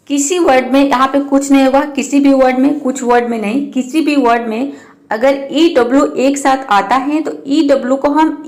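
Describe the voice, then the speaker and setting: A woman teaching English pronunciation in Hindi, spelling out letters and repeating each example word slowly and patiently. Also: high voice, darkish tone. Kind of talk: Hindi-language pronunciation lesson.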